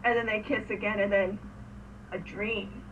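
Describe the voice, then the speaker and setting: A woman co-hosting a casual fan podcast, giggly and excitable, acting out scenes as she retells them. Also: medium pitch, normal speed, far from the mic. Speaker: podcast co-host. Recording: dull lo-fi sound with faint noise, off-mic.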